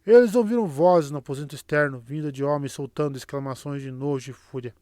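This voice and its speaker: A man narrating a fantasy audiobook in a steady, even storytelling manner. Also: a little high, fairly quick, dry recording, clean studio sound. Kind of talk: scripted narration.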